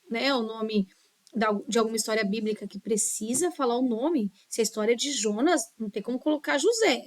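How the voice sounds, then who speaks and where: Animated woman teaching in a dry room. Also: on the high side, dry recording. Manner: animated, gestures a lot while talking; instructive, frequent "tá?" and "né?" checks. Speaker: children's ministry teacher. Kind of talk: online course lesson. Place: small children's classroom.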